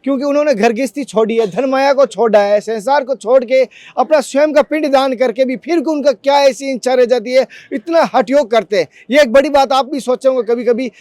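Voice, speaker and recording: Man, high voice, devotional vlog host, earnest and repetitive, dry close sound. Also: fairly quick, hardly any pauses, a little mellow, no room sound. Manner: fervent, repetitive, addresses viewers as friends. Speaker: devotional vlogger and interviewer.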